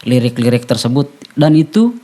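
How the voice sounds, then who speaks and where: A man, a rapper guest in a casual podcast chat, talking haltingly and restarting as he searches for words. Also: mid-range voice, very animated, warm tone.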